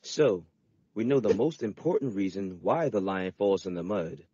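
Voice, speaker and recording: A man's voice: sits low, lively intonation, moderate pace, dark tone, lo-fi sound, a little hiss or hum. A man giving patient, scripted narration in an educational reading lesson. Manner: patient, instructive.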